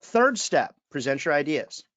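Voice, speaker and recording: A man's voice: a little high, very animated, measured pace, fairly bright tone, no room sound, muffled recording. A man, giving an emphatic webinar talk as a sales trainer and calling his listeners friends. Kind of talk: webinar presentation.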